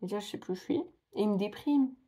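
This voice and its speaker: A woman's voice: mid-range voice, very fast, mellow. A young woman in casual vlog chat, rambling and self-mocking with lots of fillers. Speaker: book vlogger.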